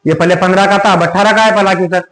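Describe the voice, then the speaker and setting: A man's voice: high-pitched, fairly even intonation, racing, fairly bright tone. A man teaching a lesson on exam tips, often asking rhetorical questions and repeating himself. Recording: echoey room.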